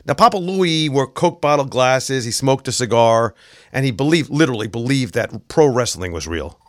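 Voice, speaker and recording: A man's voice: medium pitch, animated, moderate pace, no room sound, studio quality. Sarcastic male talk show host. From New York. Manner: sarcastic, wry asides. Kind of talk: casual political commentary.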